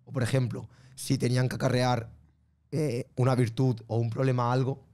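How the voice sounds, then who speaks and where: A young man with a hoarse, worn-down voice, talking on a casual podcast. He explains things at length, pausing and restarting as he goes. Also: mid-range voice, flat delivery, dark tone. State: hoarse, losing his voice. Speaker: podcast co-host.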